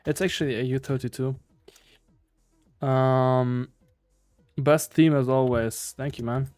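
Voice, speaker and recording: A man's voice: mid-range voice, steady tone, slow, darkish tone, clear, resonant tone, no room sound, soft background music. A man with a German accent doing casual live coding commentary, hesitantly thinking aloud in fragments. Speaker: live-streaming programmer.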